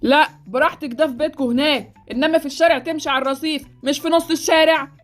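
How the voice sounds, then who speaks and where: Woman as a fast-talking, exasperated Egyptian man behind the wheel, pitched high. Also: steady tone, soft background music, lightly acted. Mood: scolding. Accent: Egyptian Arabic. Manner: scolding, exasperated. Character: impatient grown man driver. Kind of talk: Roblox series voice acting.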